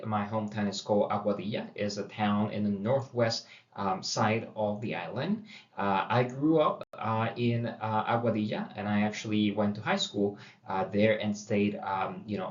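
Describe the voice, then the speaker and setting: A man's voice: lowish voice, moderate pace. A middle-aged man from Puerto Rico introducing a university course, talking casually with many fillers and restarts. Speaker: university instructor. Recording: dull roomy audio from a distance.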